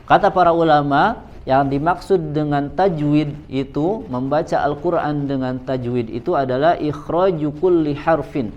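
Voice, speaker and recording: A man teaching a Quranic recitation lesson to a congregation, speaking in a measured way and tagging nearly every phrase with a soft "ya". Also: a little high, lo-fi sound, slight background noise.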